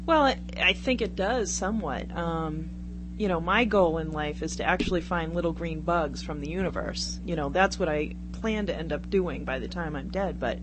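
A woman from Brockton, Massachusetts, United States, chats casually on a radio talk show, rambling and poking fun at herself. Her voice is fairly low at a moderate pace, and the recording is very noisy radio with hum.

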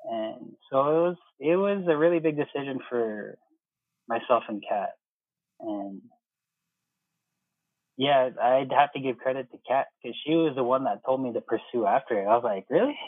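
Over a muffled, phone-like connection, a thirtysomething man tells his own story as an interview guest. He's an air traffic controller who chats conversationally and quotes past exchanges. His medium-pitched voice moves at a normal speed, and the recording is dry.

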